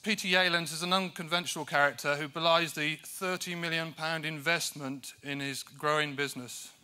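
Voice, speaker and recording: UK man presenting at a farming conference, very bright, tense tone, fairly high voice, dry humour. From United Kingdom. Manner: dry, self-deprecating humour; hesitant fillers between points. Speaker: conference speaker.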